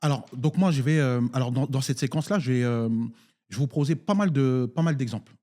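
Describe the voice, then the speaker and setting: A Nigerian municipal councillor takes part in a political debate, speaking haltingly in a mellow, dark voice of middling pitch. His delivery is full of fillers and restarts.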